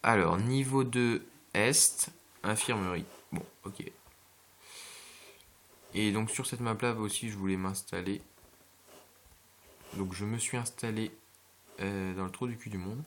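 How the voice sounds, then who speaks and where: A man's voice: on the low side, a little slow, pauses often, a bit bright, slight background noise. A man giving casual, rambling gameplay commentary with hesitations and jokey asides, recorded on a home computer mic. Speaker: gameplay video maker.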